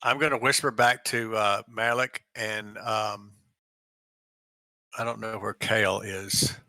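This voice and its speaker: A man playing a tabletop game, talking haltingly as he decides his moves. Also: on the low side, little pitch movement, gravelly, sharp tone, no room sound. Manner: halting, many fillers and restarts while deciding. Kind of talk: casual tabletop game chat.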